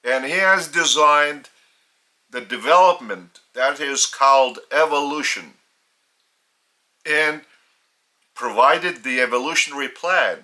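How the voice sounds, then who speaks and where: A native Lithuanian speaker gives a solemn spiritual teaching in English, his accent noticeable, speaking in slow, deliberate phrases with long pauses. His voice is on the high side, pushed and bright, and the recording quality is low.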